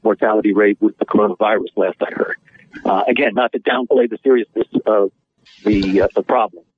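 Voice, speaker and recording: A man, an attorney, talking as a guest in a radio interview over the phone, in an earnest, measured way with filler pauses. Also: on the low side, slightly rough, no room sound. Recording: tinny dry phone line.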